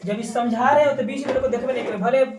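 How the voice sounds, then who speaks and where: A woman's voice: on the high side, fairly even intonation, fast talker, noisy background. A woman teaching a maths class, repeating key terms and quizzing her students. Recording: roomy classroom from a distance.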